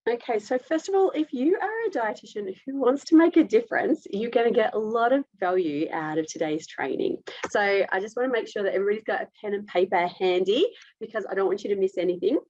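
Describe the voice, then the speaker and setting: A woman's voice: medium pitch, fast, darkish tone, no room sound. Aussie woman presenting a webinar, upbeat and direct, dry dull call audio. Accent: Australian. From Australia. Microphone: video call.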